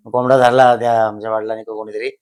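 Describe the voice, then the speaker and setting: An older man, telling stories at a slow pace and repeating phrases for emphasis. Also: on the low side, little pitch movement, a little mellow, smooth. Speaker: guest, host's father. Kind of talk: casual storytelling.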